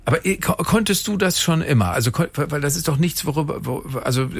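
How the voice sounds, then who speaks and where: A man's voice: fairly high pitch, animated, fast, gravelly, slightly rough, dry recording. A man in his fifties hosting a casual radio interview, rambling and teasing with many restarts. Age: 50s. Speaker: radio host.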